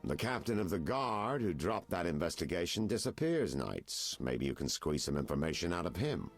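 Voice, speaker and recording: An actor playing a world-weary private detective in a video game, with a theatrical, insinuating noir delivery. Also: male voice, deep voice, very animated, moderate pace, soft background music. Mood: grave, confiding. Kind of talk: video game dialogue acting.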